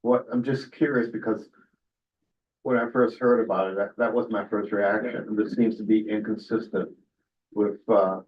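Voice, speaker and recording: A man's voice: fairly low pitch, fairly even intonation, moderate pace, highs cut off. A man on a community board asking hesitant, probing questions at a meeting.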